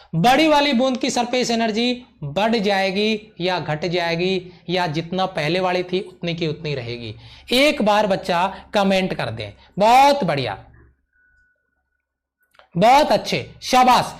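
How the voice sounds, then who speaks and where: A man leads a live online physics lecture in a fairly high voice. He is emphatic, repeats his key lines several times, and keeps checking that students follow while praising them warmly. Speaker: physics teacher.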